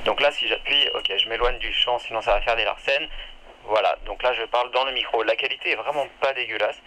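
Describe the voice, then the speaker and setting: A man's voice: medium pitch, fast, bright, forceful tone, faint music behind. A man casually testing gear, his voice heard over a walkie-talkie. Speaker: product reviewer. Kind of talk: casual product test. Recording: noisy, harsh walkie-talkie radio transmission.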